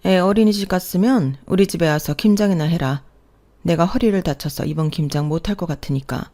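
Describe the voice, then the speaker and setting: A woman acts out a domineering middle-aged mother-in-law in a storybook drama. Her voice is warm in tone but loud, sharp and scolding, always ordering the young bride around. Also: fairly low pitch, brisk, lightly acted.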